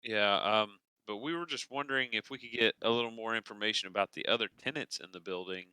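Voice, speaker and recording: A man voicing a polite male investigator posing as a doctor, halting with fillers. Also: on the low side, bright, forceful tone, clear, resonant tone, no room sound, poor audio.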